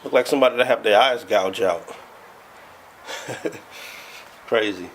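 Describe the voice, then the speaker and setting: A man with a stuffed-up nose from being sick, hosting a casual do-it-yourself car vlog. He talks in a slow, low-energy way and wings it as he goes. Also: slight background noise, rough recording. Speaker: car channel host.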